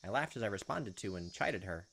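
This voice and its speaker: A man hosts a casual let's play, reading a visual novel aloud a little fast and cracking offhand jokes and reactions. His fairly low voice is expressive and a bit bright, with vocal fry. Game music plays behind him over slight background noise.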